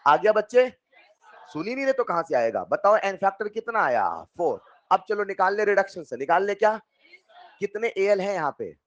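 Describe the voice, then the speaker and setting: A man teaching chemistry in an online class, coaxing his students with repeated questions and bursting into loud emphasis. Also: sits high, sing-song, normal speed. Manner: coaxing, repeats questions to students, calls them dear children. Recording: dull lo-fi sound.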